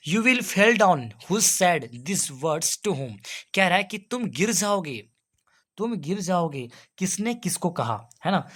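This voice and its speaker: Young male teacher from Jharkhand. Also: a little high. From Jharkhand, India. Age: young adult. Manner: explains each English question in Hindi, repeats answers, asks the students questions. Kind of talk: exam question walkthrough.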